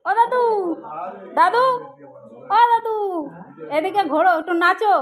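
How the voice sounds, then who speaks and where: A woman's voice: very high voice, measured pace. A woman talks casually from behind a phone camera. She coaxes and repeats her simple instructions as she films. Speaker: person filming an elderly relative. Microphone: behind a handheld phone.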